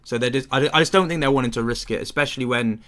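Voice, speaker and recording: Fast-talking and fairly bright at mid-range pitch, this young English watchalong host commentates on football in a chatty way. He rambles with fillers and responds to questions from chat.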